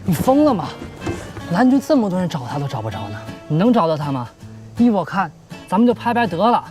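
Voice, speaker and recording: A man's voice: sits high, sing-song, brisk, a little mellow, soft background music. An actor playing a timid male cameraman who grumbles and stammers. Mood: grumbling. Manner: nervous, grumbling.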